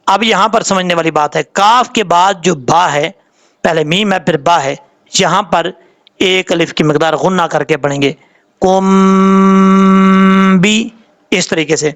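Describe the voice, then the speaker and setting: A man with a high voice gives a tajweed lesson, sounding out each letter and vowel mark slowly and deliberately. He stretches the recited words out long and switches back to a patient, explaining tone between them. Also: fairly bright tone. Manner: slow, deliberate syllable-by-syllable spelling, with drawn-out recited examples. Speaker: Quran recitation teacher.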